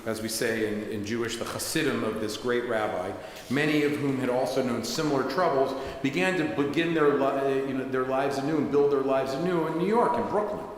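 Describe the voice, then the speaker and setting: A man's voice: mid-range voice, brisk. A man giving a sermon as a rabbi, telling a story in a conversational way with asides. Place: synagogue sanctuary. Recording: echoey synagogue hall, faint hiss.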